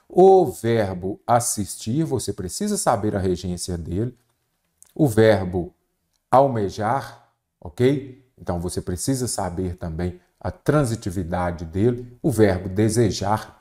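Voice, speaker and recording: A man's voice: lowish voice, animated, unhurried, mellow. A teacher working through exam questions step by step, asking and answering his own questions. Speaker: Portuguese teacher. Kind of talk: exam prep lesson.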